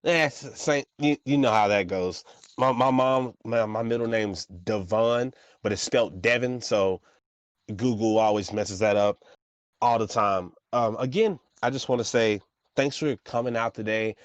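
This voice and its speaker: A man hosting a casual interview podcast, talking in a halting way and often repeating words as he gathers his thoughts. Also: on the low side, clear, resonant tone, no echo. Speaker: podcast host.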